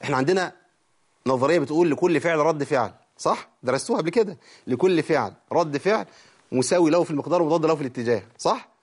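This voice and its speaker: Fast-talking Egyptian man teaching Quran recitation. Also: fairly high pitch, expressive, husky. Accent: Egyptian Arabic. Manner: asks questions and answers them himself, demonstrates sounds. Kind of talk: lecture on recitation.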